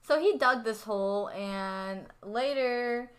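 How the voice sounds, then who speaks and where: A woman's voice: a little high, slow pace, clear, resonant tone. A woman co-hosting a casual true-crime podcast, blunt and swearing as she tells the case. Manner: blunt, swears, trails off then resumes. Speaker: podcast co-host.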